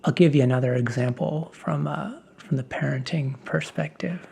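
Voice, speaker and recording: A man speaking in a soft, half-whispered ASMR pep talk, breathy and reflective, as if musing aloud. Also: fairly high pitch, normal speed. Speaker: ASMR host.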